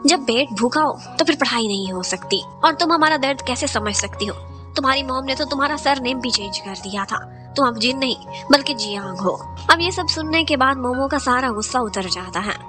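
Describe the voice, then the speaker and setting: A woman's voice: a little high, sharp tone. A woman narrating a recap of a drama, retelling each scene in Hindi sprinkled with English words. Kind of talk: scripted storytelling recap.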